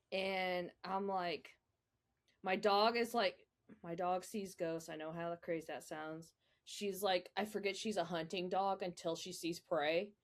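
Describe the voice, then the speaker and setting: Chatty young woman podcast co-host. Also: on the low side. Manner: chatty storyteller, filler-heavy. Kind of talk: casual chat.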